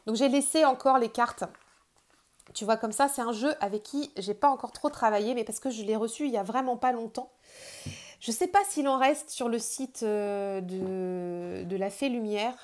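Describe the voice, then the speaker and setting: A woman's voice: on the high side, moderate pace. A woman with a French accent casually showing her tarot decks, chatty and hesitant, with many fillers and restarts. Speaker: tarot video host.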